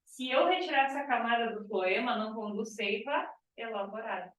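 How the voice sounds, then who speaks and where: A woman's voice: fairly high pitch, moderate pace, fairly bright tone. Teacher woman in an echoey classroom. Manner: explains step by step with frequent "tá?" and "ó". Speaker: biology teacher. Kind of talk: classroom lecture. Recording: echoey classroom, far from mic.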